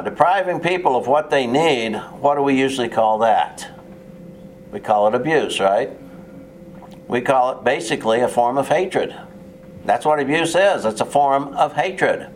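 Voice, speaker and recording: A man's voice: mid-range voice, slight background noise. A man preaching a sermon in an earnest, plain way, with touches of sarcasm and frequent restarts.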